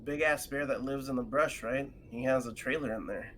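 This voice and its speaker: A man's voice: medium pitch, moderate pace, a bit bright, slight background noise, poor audio. A man guesting on a stream, chatting casually with dry, laid-back comments and frequent laughs. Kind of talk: casual chat.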